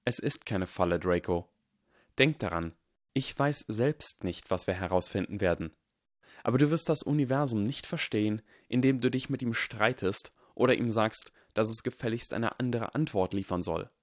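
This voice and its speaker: An earnest young wizard lays out his reasoning in a calm, measured way, read by a man. The voice sits fairly low and the sound is dry and close. It has the feel of a storybook reading. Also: dry recording, natural voice. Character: calm, earnest boy wizard lecturing on science.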